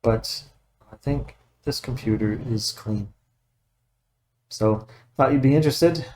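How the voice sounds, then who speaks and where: A man's voice: mid-range voice, slow pace, darkish tone, slight background noise. A man working as a computer repair technician talks through a casual tech walkthrough, methodical and matter-of-fact, thinking aloud as he goes.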